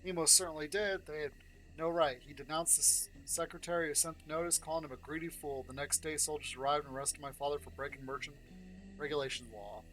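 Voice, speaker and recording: A man's voice: fairly high pitch, fairly even intonation, fast, a bit bright, faint music behind, close to an everyday voice, poor audio. A man reading the dialogue aloud for a bitter, impoverished woman who wants revenge, with light emphasis and no real change of voice. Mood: angry.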